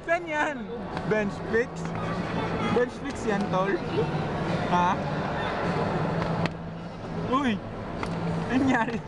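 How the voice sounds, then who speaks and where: A man's voice: extremely high pitch, animated, drawn-out words, long pauses, over a noisy crowd. A man in casual joking banter, prodding with slangy, repeated questions and phrases. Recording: very noisy outdoor street with vehicles.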